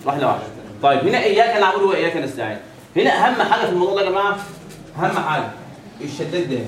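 Male recitation teacher, Egyptian accent, fairly high voice, quizzing his class, heard from a distance in an echoey hall. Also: big pitch swings, a bit bright. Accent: Egyptian Arabic. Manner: quizzes the class with repeated questions and drawn-out recited examples. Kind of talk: classroom tajweed lesson. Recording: echoey room, mic at a distance, faint background hiss.

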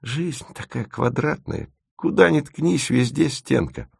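A man's voice: mid-range voice, slow, creaky, darkish tone, husky, no echo, studio quality, pitched above the performer's own voice, exaggerated voice. A man voicing a gloomy, self-pitying young male student who speaks bitterly and with sighs. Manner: sighing, bitter, philosophical.

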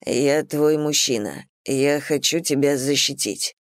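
Brooding young man, as a woman reads him. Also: measured pace. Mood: grim. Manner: low, hushed, brooding delivery. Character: passionate young man, intense lover, quick to anger.

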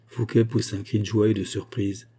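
A man narrating a classic novel as an audiobook, in a measured storytelling voice. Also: lowish voice, flat delivery, mellow, husky. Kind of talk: scripted narration.

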